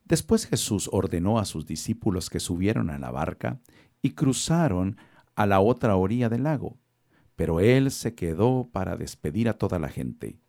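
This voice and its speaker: A man narrating a Bible story in a measured, expressive scripted reading. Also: sits low, vocal fry.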